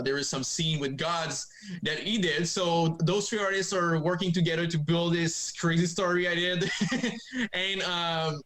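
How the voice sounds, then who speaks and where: A young Québécois man, a guest comic writer, chats casually in a remote podcast interview in English, his second language, with a French-Canadian accent. His voice sits on the high side with a fairly bright tone. He speaks haltingly, full of fillers and restarts.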